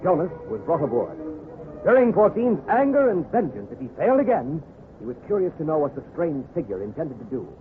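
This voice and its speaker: Through a tinny, noisy vintage radio broadcast with music behind him, a man narrates a seafaring adventure in florid, old-time radio drama style. His slightly high voice is very animated and a bit fast, and the mood is dramatic and suspenseful.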